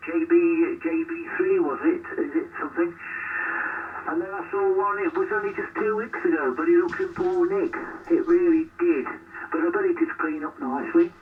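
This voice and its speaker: Over a noisy, narrowband shortwave radio signal that sounds distant, an amateur operator chats casually on ham radio. His voice sits high, and he rambles enthusiastically at a moderate pace.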